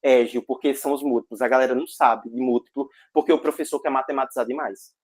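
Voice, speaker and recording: A man's voice: medium pitch, quick pace, a little hiss or hum. Slangy man teaching. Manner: energetic, slangy, jokey, checks in with students. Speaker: physics teacher. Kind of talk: informal online class.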